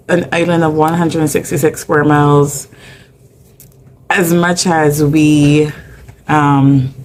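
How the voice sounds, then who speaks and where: A woman's voice: low voice, slight background noise. A middle-aged woman with a Barbadian accent speaking candidly in an interview, with many fillers. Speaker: mental health advocate guest. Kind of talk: conversational interview.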